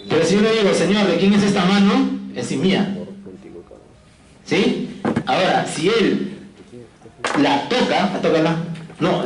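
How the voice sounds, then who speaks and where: A man giving a physiology lecture in a fairly high voice, checking in with his students constantly and cracking jokes to keep them awake. The sound is roomy, with the echo of a classroom around him. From Peru. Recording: echoey classroom.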